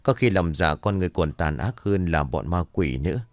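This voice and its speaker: A calm, wise old shaman, as a male narrator plays him, speaking in a deep, dry, measured voice. He sounds unhurried and knowing. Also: dry recording, natural voice.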